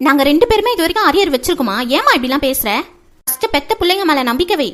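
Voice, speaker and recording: Woman playing a mouthy college daughter, high voice, bouncing all over. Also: lively intonation, racing, fairly bright tone, faint music behind. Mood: arguing. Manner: argumentative, pleading back. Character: cheeky college-age daughter talking back to mom. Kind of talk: homemade family comedy skit.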